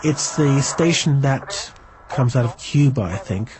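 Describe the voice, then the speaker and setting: A man's voice: medium pitch, lively intonation, unhurried, noisy background. A man speaking in a documentary interview in an emphatic, enthusiastic way as a radio researcher. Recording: music playing under the voice.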